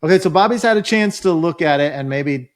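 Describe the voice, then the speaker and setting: A man's voice: on the high side, animated, fairly quick. A man hosting a casual interview as a learner, talking in an informal, colloquial way. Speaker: host and learner.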